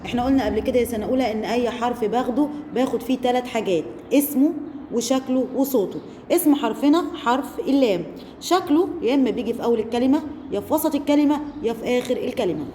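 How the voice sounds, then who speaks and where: Egyptian woman, primary teacher, high voice, long hall-like reverb, slow drawn-out example words. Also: warm tone, slight background noise. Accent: Egyptian Arabic. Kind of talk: recorded online lesson for first graders.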